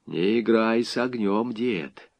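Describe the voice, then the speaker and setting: A man voicing a domineering Cossack sergeant who talks in a deep, commanding, threatening way. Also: animated, measured pace, dry recording, highs cut off. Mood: menacing.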